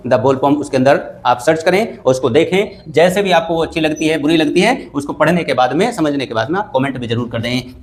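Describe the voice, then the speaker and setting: A man teaching a revision lesson, reading English lines slowly with an Indian accent and then explaining them, asking and answering his own questions. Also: fairly high pitch. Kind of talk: exam revision lecture.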